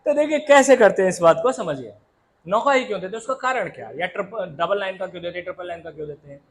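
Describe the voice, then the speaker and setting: A man teaching a math lesson in a classroom, lively and always asking the students to answer aloud, calling them "beta". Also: sits high, fast, a little hiss or hum. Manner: calls students "beta" and "babu".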